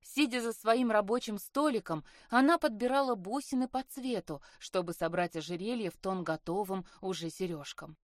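A woman narrating a fantasy audiobook in a measured, even storytelling manner, recorded in a studio. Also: medium pitch, dry recording. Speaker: audiobook reader. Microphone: studio mic.

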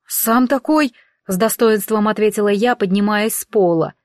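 A woman narrates a first-person audiobook in a wry, dry-humoured way, her pitch sitting in the middle range. The recording is dry and close, with no room sound. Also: steady tone, brisk, no echo.

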